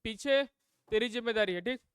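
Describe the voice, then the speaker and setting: A man's voice: extremely high pitch, brisk, clear, resonant tone, dry recording. A man teaching a live class. He fires call-and-response questions at his students and scolds the noisy ones.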